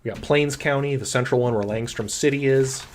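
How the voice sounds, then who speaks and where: A man who designs tabletop games, chatting casually through a livestream Q&A with frequent ums and a relaxed, rambling manner. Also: mid-range voice, fairly quick, a little hiss or hum. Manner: enthusiastic about his characters.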